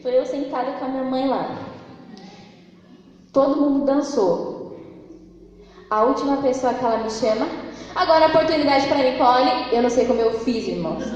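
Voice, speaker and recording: A young Brazilian woman gives a church testimony. She tells her story with lively energy, acts out the dialogue and speaks directly to the congregation. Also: sits high, normal speed, pauses often, dull audio. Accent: Brazilian Portuguese. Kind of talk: sermon testimony. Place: large church hall. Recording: heavy echo of a big reverberant hall.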